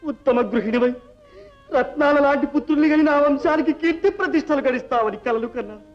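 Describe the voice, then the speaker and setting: A man's voice: very high voice, quick pace, lo-fi sound, soft background music. An actor playing a harried sage and father of many, scolding his children in exasperation, theatrical, on an old film soundtrack. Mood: pleading. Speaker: sage burdened with wife and children. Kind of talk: 1960s Telugu film acting.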